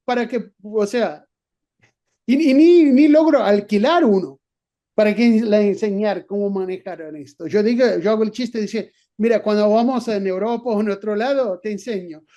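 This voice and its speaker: His voice sits high yet sounds dark, moving at a normal speed. He's a middle-aged guest professor with an Argentine Spanish accent, not from Argentina himself, working through interview answers aloud with frequent restarts and fillers.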